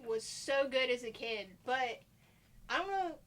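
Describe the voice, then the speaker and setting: A young woman telling rambling, animated stories as she hosts a casual podcast chat. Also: high-pitched, unhurried. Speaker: podcast host.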